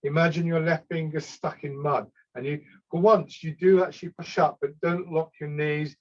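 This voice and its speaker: A man gives calm, unhurried step-by-step tai chi cues as an instructor, sometimes hesitating and correcting himself. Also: on the high side. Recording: slightly dull, lo-fi sound.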